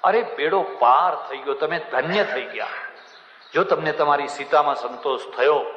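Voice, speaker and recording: A man gives a sermon in a fairly high voice. He spins stories and acts out their people, now and then with a chuckle. The sound is muffled, with a long echo ringing through a big hall. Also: moderate pace, a bit bright, slight background noise. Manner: storytelling, acts out characters in the story, chuckling asides. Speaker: swami giving a religious discourse.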